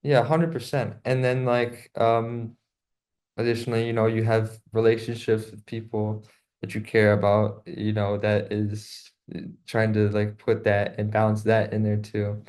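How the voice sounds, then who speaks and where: A young man, a student co-host in casual talk, relaxed and full of fillers. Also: fairly low pitch, a little slow. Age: young adult. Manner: relaxed, many fillers like 'um' and 'you know'. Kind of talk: casual podcast conversation.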